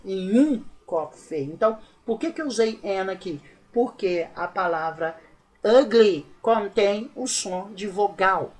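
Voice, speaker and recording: A woman's voice: medium pitch, poor audio. A woman with a Brazilian Portuguese accent giving a casual online English grammar lesson, explaining step by step and checking in with viewers constantly. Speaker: English teacher.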